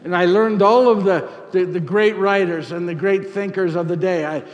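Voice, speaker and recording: Male actor as Saint Luke: earnest, rambling physician, higher voice, echoey hall. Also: fairly even intonation, moderate pace, dull audio, close to an everyday voice. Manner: rambling, repeats phrases, answers questions in character. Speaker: costumed presenter. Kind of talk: first-person character talk with audience. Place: parish hall before an audience. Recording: echoey hall, faint noise.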